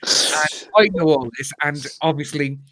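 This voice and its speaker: On a video call, a guest in his thirties with a Cardiff Welsh accent makes casual, jokey chat, laughing a lot and addressing people as "mate." He speaks unhurriedly in a pushed, bright voice on the high side.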